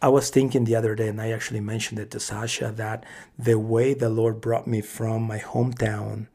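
A man's voice: fairly low pitch, brisk. A man from Mexico, a podcast guest telling his faith story in casual, earnest talk and acting out what people said. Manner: earnest, animated storyteller who acts out quoted dialogue.

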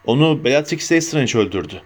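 A man's voice: mid-range voice, animated, brisk, close to an everyday voice. A man voicing an earnest, determined teenage boy wizard in an audiobook reading. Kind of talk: audiobook character voice.

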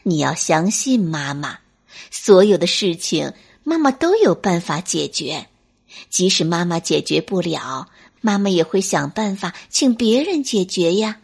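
A woman voicing a caring mother squirrel in a bedtime story, gentle and reassuring. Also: medium pitch, big pitch swings, moderate pace, husky, voice pushed down, heavily acted. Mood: tender.

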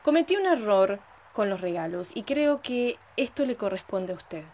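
A woman's voice: mid-range voice, very animated, normal speed, a little mellow. A woman doing a flustered little elf helper. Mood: polite. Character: small clumsy male elf helper, apologetic.

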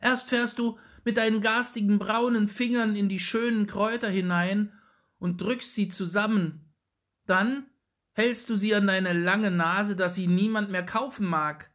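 A bold young boy from a fairy tale, his voice pitched well up and loud as he scolds in indignant bursts, voiced by a male reader. He speaks in a crisp, forceful way. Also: steady tone, unhurried.

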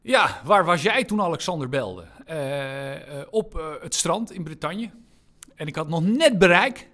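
A man in a relaxed conversation, reflecting on his past work with frequent hesitations. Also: on the high side, measured pace. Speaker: former parliamentarian, guest. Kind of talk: casual conversation.

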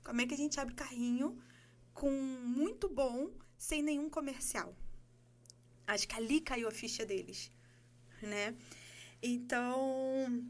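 Animated high-voiced Brazilian woman. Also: takes it slowly, pauses often. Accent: Brazilian Portuguese. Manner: animated, laughing, acting out dialogue. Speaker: guest. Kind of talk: storytelling podcast chat.

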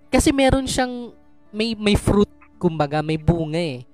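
A man's voice: sits high, lively intonation, a little slow, darkish tone, dry recording, faint music behind. A man hosting an interview, summing up the guest's story and asking follow-up questions. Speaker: interview host. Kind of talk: interview talk.

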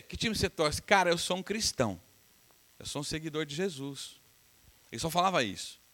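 A middle-aged man from Brazil preaching a sermon as pastor, telling stories and acting out the voices of the people in them. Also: on the high side. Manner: animated, acts out quoted voices, laughs with the congregation. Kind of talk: sermon with storytelling.

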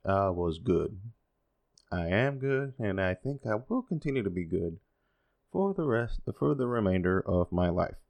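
In a low-pitched, expressive voice that's a little slow and a little mellow, a Dominican podcast host in his forties meanders solo. Spanish is his first language, and he peppers his talk with fillers, self-deprecation, and sarcastic wit.

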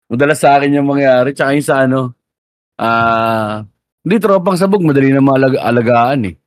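A man's voice: mid-range voice, a little fast. A man co-hosting a podcast in casual chat, loose and laughing, swearing freely. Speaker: podcast co-host.

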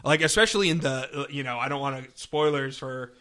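A man's voice: mid-range voice, fairly quick, bright, forceful tone. A man co-hosting a podcast in casual chat, rambling with many restarts and fillers. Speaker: podcast co-host.

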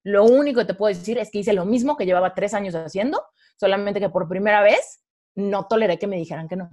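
A woman's voice: mid-range voice, fast, a little mellow. A woman in her thirties with a Mexican accent, a podcast guest telling her own story in casual conversation and acting out her past thoughts.

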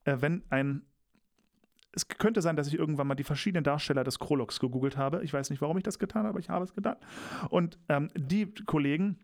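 A man's voice: a little high, brisk. A man in casual conversation, talking animatedly and emphatically, rambling with restarts. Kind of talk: casual podcast chat.

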